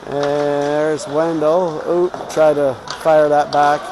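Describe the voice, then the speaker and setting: A man's voice: a little high, level tone, takes it slowly. A man giving informal, home-team live play-by-play commentary on youth hockey. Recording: clear rink noise behind.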